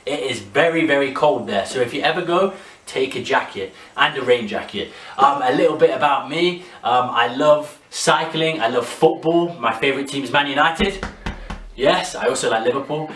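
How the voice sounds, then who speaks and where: A man's voice: medium pitch, normal speed, a bit bright. Playful man. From London, England. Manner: upbeat, playful, with filler ums. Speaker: children's workshop co-host. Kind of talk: friendly introduction to young children. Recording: echoey room, mic at a distance.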